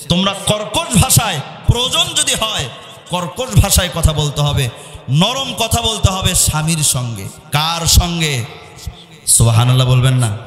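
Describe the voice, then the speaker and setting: A man preaching an Islamic sermon, chanting and singing verses and shouting questions to the crowd. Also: high-pitched. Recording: echoey hall with long reverb, faint music.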